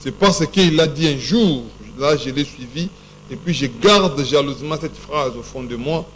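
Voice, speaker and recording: A man's voice: a little high, normal speed, fairly bright tone, a little hiss or hum. Emphatic Congolese man hosting in an echoey studio. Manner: emphatic and rhetorical. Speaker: talk show host. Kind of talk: studio talk show, mixing French and Lingala. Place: TV studio set.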